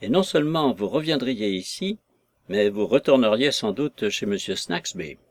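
A man playing a cold, impassive lawyer. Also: lowish voice. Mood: cold calm. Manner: calm, measured, dry.

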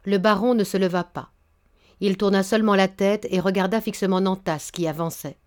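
A woman's voice: medium pitch, steady tone, brisk, darkish tone. Woman narrating a classic story. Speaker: audiobook narrator. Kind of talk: scripted narration.

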